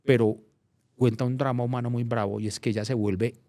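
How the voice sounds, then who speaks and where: Recorded with no room sound, a middle-aged journalist from Colombia speaks fairly quickly in a medium pitch. As a guest in a relaxed interview, he shares anecdotes, frequently starting phrases over and becoming animated while telling them.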